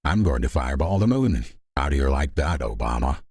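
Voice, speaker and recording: A man voicing a boastful, outraged sorcerer in an improvised comedy skit, making bombastic announcements in a gravelly, rough voice. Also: extremely low pitch, big pitch swings, brisk, a little mellow, no echo, studio quality, pitched below the performer's own voice, full character voice. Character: ranting boastful male sorcerer villain, comically outraged.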